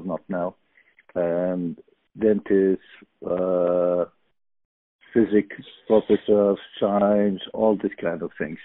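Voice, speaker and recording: Middle-aged man, slow and halting, dry phone-line sound. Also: sits low, dry recording. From Iraq. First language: Arabic. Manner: halting, searching for words, many fillers. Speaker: podcast guest. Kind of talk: casual interview.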